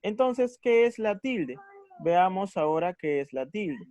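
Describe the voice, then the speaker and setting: A man teaching a recorded grammar lesson, patient, slowly stressing syllables and checking in with his students after each point. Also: high-pitched, sing-song, a little mellow, muffled recording, slight background noise.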